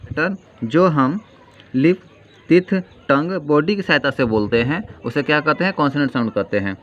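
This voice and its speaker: A male grammar teacher giving a lesson, asking questions and answering them himself and repeating key terms slowly. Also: on the high side, fairly bright tone. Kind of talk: classroom-style grammar lesson. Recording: dull lo-fi sound with faint noise.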